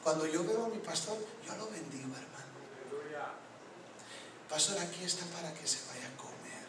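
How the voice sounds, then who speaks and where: A man's voice: on the high side, expressive, normal speed, noisy background. A man preaching a sermon to a congregation that answers him, emphatic and joking as he calls out to the people directly. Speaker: guest preacher. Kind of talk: Pentecostal-style sermon with call and response. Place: church service before a responding congregation. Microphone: distant from the microphone. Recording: echoey church hall from far off, congregation audible.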